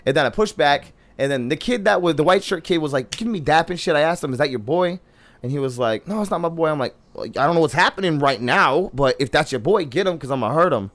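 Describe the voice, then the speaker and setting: A young man co-hosting a podcast, telling a story in casual, profane chat and loudly quoting himself. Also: fairly high pitch, lively intonation, fast talker. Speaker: podcast co-host.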